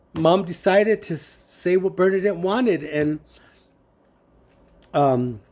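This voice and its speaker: A man testifying before a judge, speaking earnestly and haltingly with many fillers and restarts. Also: a little high, a little mellow. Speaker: witness testifying in court.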